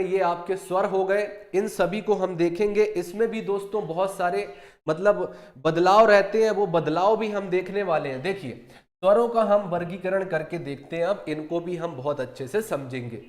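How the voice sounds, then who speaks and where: A man teaching an exam-prep class. He asks questions, answers them himself, and repeats key terms slowly. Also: high-pitched, reverberant.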